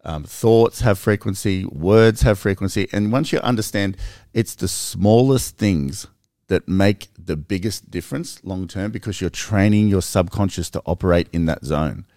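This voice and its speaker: A podcast co-host with a low-pitched voice talks through his ideas in a relaxed, casual conversation, earnest and animated and often restarting mid-sentence. He speaks at a moderate pace, and the recording is dry and close with no room sound.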